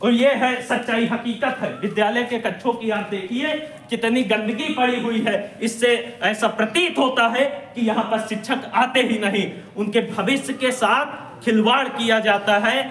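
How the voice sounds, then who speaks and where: A man, a social activist, reporting indignantly and emphatically while walking around a village primary school, speaking loudly to the camera. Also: very high voice, fairly even intonation, normal speed, hardly any pauses, echoey room. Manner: indignant, emphatic, loud denunciation. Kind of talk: on-the-spot investigative video report.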